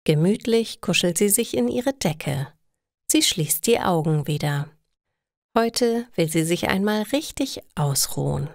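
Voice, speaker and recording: A narrator of German listening lessons tells a simple story for learners in a slightly low, animated voice that ranges expressively in pitch, with some vocal fry. She speaks very slowly and deliberately, like a careful storyteller. The studio recording is clean, with no echo.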